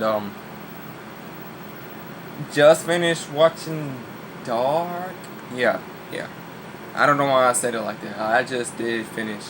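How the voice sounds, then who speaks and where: A man giving rambling, casual commentary over his game, swearing often and chatting to his cat, his voice worn from yelling. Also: mid-range voice, noisy background. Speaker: gaming YouTuber.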